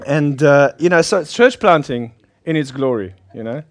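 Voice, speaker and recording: Here the Polish-born pastor, a middle-aged man living in South Africa with that country's accent, sounds fairly high-pitched and expressive at a moderate pace. His informal preaching is chatty and self-mocking, punctuated by frequent laughter.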